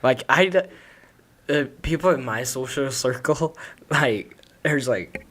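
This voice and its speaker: A man's voice: mid-range voice, takes it slowly, a bit bright. Easygoing teenage boy co-host. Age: late teens. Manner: agreeable and easygoing, chuckling along. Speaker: student podcast co-host. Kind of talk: casual chat.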